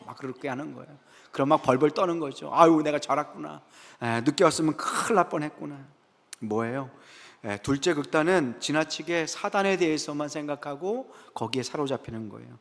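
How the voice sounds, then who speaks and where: Preaching pastor in an echoey church. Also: male voice, mid-range voice. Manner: rhetorical questions, frequent "예" affirmations, lively asides to the congregation. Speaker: senior pastor. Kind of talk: sermon. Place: church sanctuary, Friday prayer service.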